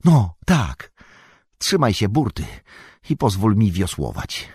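Gentle resolute hobbit, low husky voice, calm and earnest, done by a male narrator. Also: slow pace, no echo, clean studio sound, exaggerated voice. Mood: reassuring. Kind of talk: audiobook character voice.

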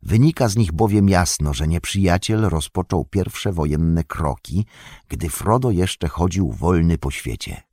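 A man voicing a grave, weary old wizard in an audiobook, deep and measured. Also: animated, a little mellow, no echo, studio quality. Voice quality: deep, slow and measured, drops to a whisper. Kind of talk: audiobook reading.

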